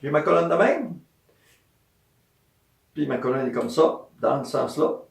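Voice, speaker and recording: Fairly high and creaky, the voice belongs to a man with a Quebec French accent who speaks at an unhurried pace. He's a massage therapist in an animated, informal health talk, repeating himself and answering his own questions. The mic is distant and the room has echo.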